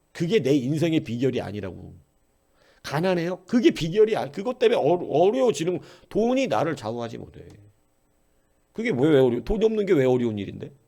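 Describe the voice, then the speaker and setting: A man preaching a sermon as pastor, animated, with many rhetorical questions and swings between loud exclaiming and quiet murmuring. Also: mid-range voice, creaky. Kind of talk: early-morning sermon.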